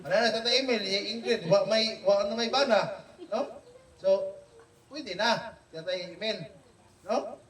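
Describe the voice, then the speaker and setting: Guy running a family bible study, high voice, lively and teasing, far off in an echoey room. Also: normal speed. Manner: animated, teasing, keeps checking in with "no?". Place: home room with family gathered.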